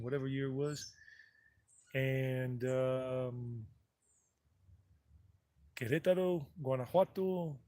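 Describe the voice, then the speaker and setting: An English-speaking travel vlogger chats outdoors on a mountain property in a mid-range, slightly mellow voice, recorded dry. His livestream talk rambles loosely, drifting off topic, repeating figures and correcting himself as he goes.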